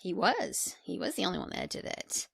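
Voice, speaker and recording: A woman's voice: fairly low pitch, big pitch swings, normal speed, gravelly, breathy edge, studio quality. A woman in casual, reactive chat as a co-host, agreeable and often echoing what she hears. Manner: agreeable, echoing the other speaker.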